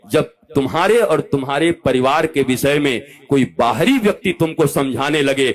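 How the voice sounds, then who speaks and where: Man in his fifties giving a spiritual discourse. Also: mid-range voice. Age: 50s. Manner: animated, swinging between loud exhortation and soft asides to the crowd; addresses listeners directly and affectionately. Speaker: spiritual teacher.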